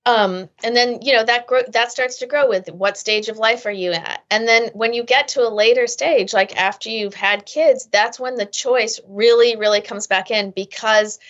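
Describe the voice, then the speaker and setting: A woman's voice: a little high, moderate pace, few pauses, a bit bright. A woman therapist and author talking as a podcast guest in long rambling explanations, often asking "right?" and acting out the thoughts of the people she describes. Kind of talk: casual interview talk. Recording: dull lo-fi sound.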